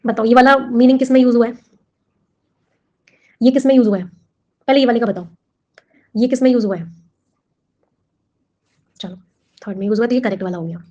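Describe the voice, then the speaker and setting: A woman's voice: on the high side, steady tone, a little fast, pauses often, darkish tone, dull audio. Quizzing woman teacher. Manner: explains in Hindi mixed with English, quizzing students. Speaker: English teacher for exam prep. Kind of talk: classroom lesson.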